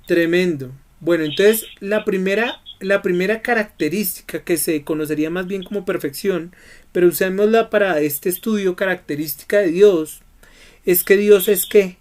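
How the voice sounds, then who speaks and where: A man's voice: sits high, normal speed, a little mellow. A man teaching a Bible study lesson who keeps asking his students questions and prompting their answers.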